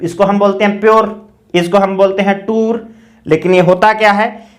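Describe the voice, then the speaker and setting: A teacher giving an exam-prep lesson on English phonetics, explaining step by step and sounding out each letter slowly. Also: mid-range voice, fairly even intonation.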